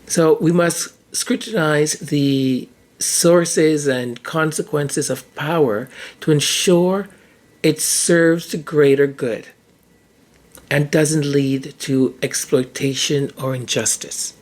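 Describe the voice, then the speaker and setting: A podcast host with a hoarse, medium-pitched voice works through ideas in a slow, casual monologue. He often restarts and repeats words mid-thought.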